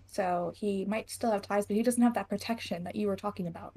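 A woman playing a tabletop game, chatting casually and planning out loud. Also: medium pitch, steady tone, brisk, slightly rough. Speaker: player.

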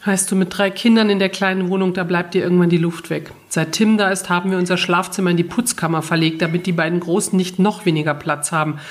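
A woman narrating a first-person novel as an audiobook, telling it in a calm, even way. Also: on the low side, fast talker, hardly any pauses.

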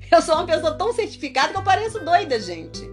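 A high-voiced woman with a mineiro accent preaches in a relaxed, conversational way. She is animated, breaks into laughter, and acts out little prayers. A faint guitar plays behind her. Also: fairly quick. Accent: Minas Gerais Portuguese. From Minas Gerais, Brazil. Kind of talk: casual testimony and preaching talk.

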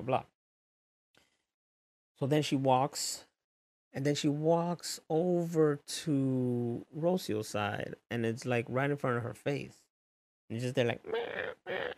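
Man with a gravelly, mid-pitched voice; loose, animated monologue peppered with swearing. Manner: loose, profane, animated retelling. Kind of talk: casual storytelling monologue.

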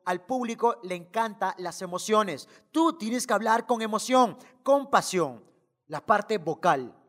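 A woman coaching public speaking in an emphatic motivational talk, full of rhetorical questions and repetition. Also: mid-range voice.

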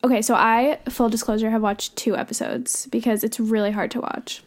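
A woman with a fairly high, nasal voice, stuffed up as if sick. She chats casually as a podcast co-host. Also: fairly even intonation, brisk. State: congested from being sick. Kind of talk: casual chat.

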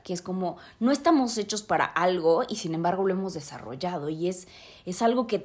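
Podcast host, woman, low-pitched, casual and chatty, lots of fillers. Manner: chatty, many fillers and tag questions. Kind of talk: casual explanatory talk.

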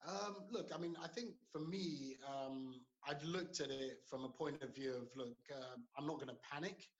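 A man's voice: mid-range voice, normal speed, dull audio. A man in his thirties speaking as a podcast guest, easygoing, laughing often and using many fillers. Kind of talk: casual podcast interview.

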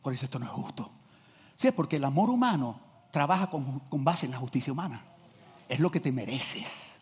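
Husky pastor preaching, voice sits high, long church hall reverb. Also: male voice, fairly quick. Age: middle-aged. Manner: energetic, swings from shouting to quiet, acts out quotes. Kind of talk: sermon.

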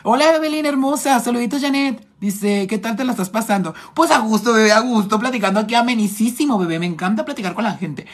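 This Tijuana makeup artist talks quickly in a high male voice, barely pausing, as he reads his viewers' comments on a phone live stream. His northern Mexican accent comes through in his flamboyant, teasing banter.

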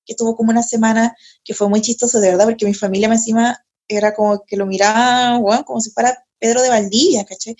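A young Chilean woman with a Chilean Spanish accent tells a story from her own life in loose, slangy chat. Her voice sits a little high, and she swears freely. She laughs often as she goes. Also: a little mellow. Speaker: podcast host.

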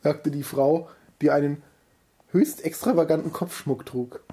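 A man's voice: on the high side, fairly even intonation, unhurried, warm tone. A man narrating an improvised audio story in a playful way, slipping over words and correcting himself.

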